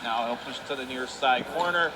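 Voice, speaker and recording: This American man delivers live radio play-by-play of a hockey game at a medium pitch and steady pace. Behind him you hear the noisy arena and the sounds of the ice rink.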